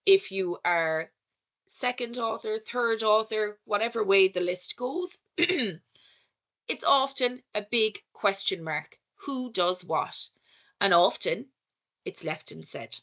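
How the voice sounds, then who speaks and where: Bright-voiced Irish woman giving a talk. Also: mid-range voice, expressive, slow. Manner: conversational, self-correcting, rhetorical questions. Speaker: workshop speaker. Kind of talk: conference talk.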